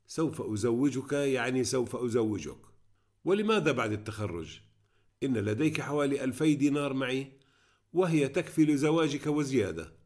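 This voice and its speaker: A man's voice: mid-range voice, expressive, fast talker, darkish tone, lightly acted. A man reading aloud, voicing an older mother who insists and repeats herself. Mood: insistent. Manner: raised, insistent and repetitive.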